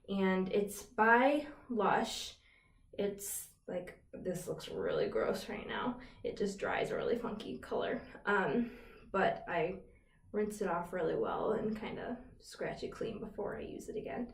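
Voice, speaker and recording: A woman vlogger chatting casually about her skincare routine, rambling with fillers and asides. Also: mid-range voice. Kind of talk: casual chat to camera. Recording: roomy echo, a little far from the mic.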